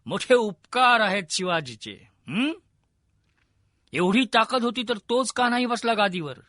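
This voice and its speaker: A man's voice: high voice, lively intonation, unhurried, no echo, studio quality, pitched above the performer's own voice, exaggerated voice. A man doing a sneering drunken chieftain. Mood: mocking. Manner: scornful, taunting, laughing, shouting. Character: arrogant drunken male hill chieftain, mocking. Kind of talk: storytelling narration.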